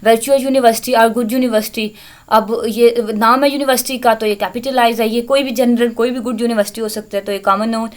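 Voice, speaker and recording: A woman teaching an English grammar lesson. She reads English example sentences slowly, then explains them briskly in Hindi-Urdu. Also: on the high side, fairly even intonation.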